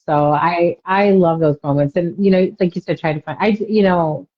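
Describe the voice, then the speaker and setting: A woman with a lowish voice rambles through a relaxed conversation, filling her talk with "you know" asides. The sound is muffled and lo-fi, like a webcam mic on a video call. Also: normal speed. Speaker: podcast co-host. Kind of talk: casual chat. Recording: dull lo-fi sound.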